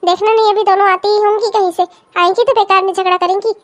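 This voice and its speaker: A woman's voice: very high-pitched, steady tone, fast. Bossy, scheming old cartoon mother-in-law. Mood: doting. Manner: bossy, scolding, coaxing toward her daughters. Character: scheming older mother-in-law, doting on daughters. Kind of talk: cartoon comedy voice acting.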